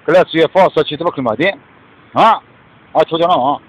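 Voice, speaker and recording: Ranting angrily in the style of a street preacher, a Korean-accented man swears constantly, switches between Korean and English, and keeps ending lines with a confrontational "eh?". His voice is a little high and unhurried. The recording is dull and lo-fi, with no room sound.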